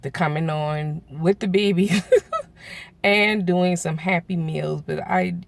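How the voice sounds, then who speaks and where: A man, telling a story to his viewers in a casual, animated way and acting out the voices of people he quotes. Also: a little high, slow, dry recording. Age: 40s. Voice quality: gravelly. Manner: animated, acts out quoted voices, laughs often. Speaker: vlogger.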